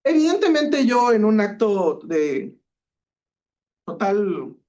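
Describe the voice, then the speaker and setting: A lively Mexican cybersecurity expert gives a conference talk full of anecdotes, acting out the dialogue in his stories. He speaks Mexican-accented Spanish in a high pitch at a slow pace.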